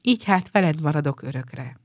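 A woman's voice: sits low, lively intonation, no room sound, studio quality. A kind-hearted little swallow, read by a woman. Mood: tender.

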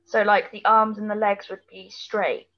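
A British woman co-hosts a podcast, trading casual, playful banter as she reacts to an episode recap and teases along the way. Her voice is medium-pitched and level, at a normal speed, though the recording sounds muffled.

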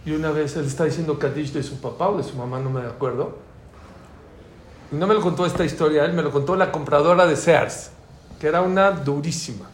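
Speaking fairly quickly in a voice on the high side, this middle-aged man with a Mexican Spanish accent teaches an informal religious class. He tells anecdotes with energy, performing the dialogue himself. Faint ambient noise fills an echoey room.

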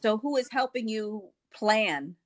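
Woman interviewing someone, mid pitched voice, asks lots of follow up questions. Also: lively intonation, unhurried. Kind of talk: conversational interviewing.

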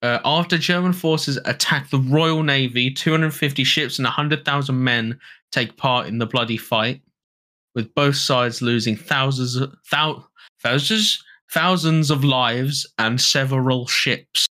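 A young British man from Britain co-hosting a casual history podcast, joking around and reading out facts a little haltingly. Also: medium pitch, bright, forceful tone. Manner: jokey, laughs often, reads facts haltingly. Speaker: co-host.

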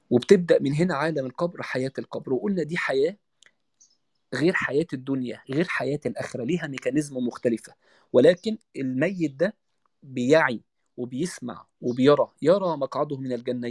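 Egyptian male lecturer, brisk delivery, dry close sound, recites then explains in plain words. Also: mid-range voice, a little mellow, no room sound. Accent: Egyptian Arabic. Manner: recites scripture, then explains it in casual everyday speech. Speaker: religious lecturer. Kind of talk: religious lecture.

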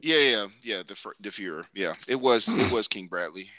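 Bright-voiced man hosting a casual show. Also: lowish voice, animated, normal speed, no echo. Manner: slangy, rambling, full of restarts. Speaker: podcast host. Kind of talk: casual chat.

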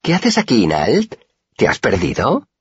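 Cruel gang boss kid, husky and raised way up, guy doing the voice, lively mocking tone, dry close sound. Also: medium pitch, unhurried, no echo, muffled recording, pitched above the performer's own voice, heavily acted. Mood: menacing. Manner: menacing, mocking. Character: cruel older street-gang leader boy.

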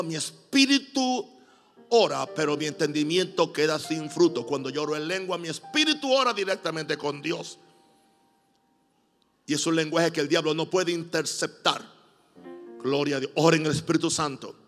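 A man from Puerto Rico with a Puerto Rican accent, preaching a sermon in a church with emphatic loud bursts and joking asides. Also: fairly high pitch, lively intonation, normal speed. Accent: Puerto Rican Spanish. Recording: long hall reverb, faint music.

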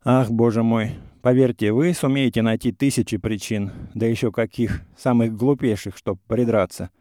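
A man voicing a sharp-tongued, mocking young woman in a classic story reading, with an ironic, teasing manner. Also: mid-range voice, fairly even intonation, moderate pace, no echo, clean studio sound, lightly acted. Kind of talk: audiobook character reading.

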